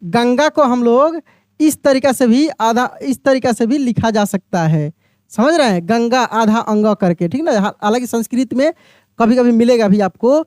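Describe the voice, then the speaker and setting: A man teaching a beginners' reading lesson, explaining slowly, repeating each word and putting questions to the listener. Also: very high voice, a little mellow, no echo, studio quality. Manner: addresses the viewer as my friend.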